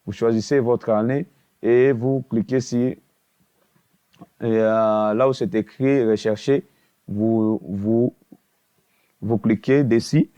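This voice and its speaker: A man's voice: mid-range voice, steady tone, takes it slowly, long pauses, warm tone. A man hosting a casual tutorial, hesitant, with many filler sounds and restarts, and a habit of repeating the same stock phrase. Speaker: tutorial video host. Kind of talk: casual screen-walkthrough tutorial.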